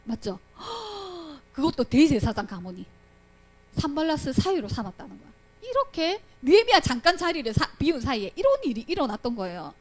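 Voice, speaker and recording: A woman's voice: sits high, sing-song, a little fast. A woman teaching a children's Sunday school Bible lesson, asking the children questions and acting out the voices she quotes.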